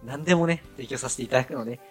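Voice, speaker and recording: A man hosting a podcast in casual chat, upbeat and quick to laugh. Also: medium pitch, faint music behind. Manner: upbeat, fast talker who laughs easily. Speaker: podcast host.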